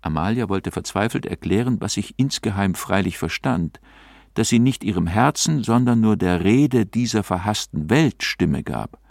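A man narrating an old-fashioned literary tale in a measured, brooding, formal way. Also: lowish voice, lively intonation, gravelly, a little mellow, no room sound, studio quality.

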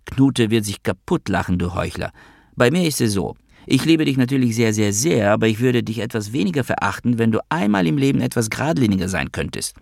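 A man's voice: medium pitch, expressive, brisk, creaky, darkish tone, no room sound, clean studio sound, voice pushed up. A man reading an audiobook, voicing a teasing, sarcastic male friend on the phone. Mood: mocking. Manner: sarcastic, needling.

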